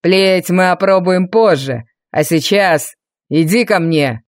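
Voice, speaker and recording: A woman putting on a cruel male viscount, a storybook villain who talks in a lowered, slowed, sneering voice. He taunts and threatens with cold mockery, recorded dry and close. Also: dry recording. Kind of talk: audiobook character voice.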